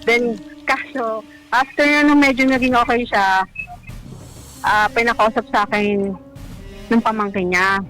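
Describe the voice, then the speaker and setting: On a radio interview with music playing behind her, a woman with a Filipino accent calls in to tell her own love story. Her voice is fairly high, steady and a little bright, and she talks a bit slowly with long pauses, conversational and slightly hesitant, mixing in English words. The recording quality is low.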